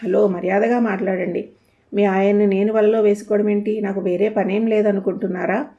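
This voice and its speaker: Woman as a calm, sarcastic young wife. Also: mid-range voice, brisk, highs cut off, close to an everyday voice. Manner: calm, polite, teasing.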